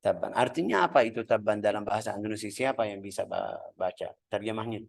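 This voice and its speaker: A man from Yemen, speaking, leads a religious lesson on the Prophet's life. His delivery is halting, full of filler sounds as he hunts for words. He brings the story to life by voicing its calls and dialogue. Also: lowish voice, vocal fry, poor audio. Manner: hesitant, with many filler sounds while searching for words. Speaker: Islamic studies teacher.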